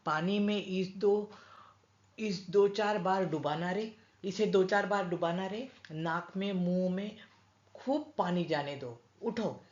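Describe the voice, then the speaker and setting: A woman voicing an angry village mother scolding her son, with a sharp, scolding manner. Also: medium pitch, takes it slowly, echoey room, lo-fi sound, lightly acted.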